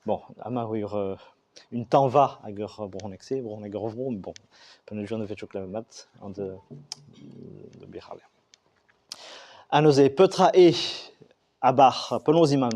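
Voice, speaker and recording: A man giving an explanatory talk, speaking haltingly with many fillers and restarts. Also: medium pitch, warm tone. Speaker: Breton language speaker discussing regional and school Breton.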